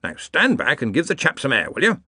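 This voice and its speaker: A man doing a loud, bossy head wizard. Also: on the high side, wildly swooping pitch, husky, no echo, studio quality, pitched above the performer's own voice, full character voice. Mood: commanding. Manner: brisk and commanding.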